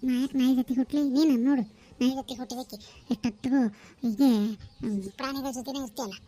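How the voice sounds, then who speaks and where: A woman voicing a quarrelsome village woman who keeps many animals, bickering loudly in a North Karnataka accent for a cartoon comedy. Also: sits high, steady tone, fast. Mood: defensive. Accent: North Karnataka Kannada. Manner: loud, combative, bickering.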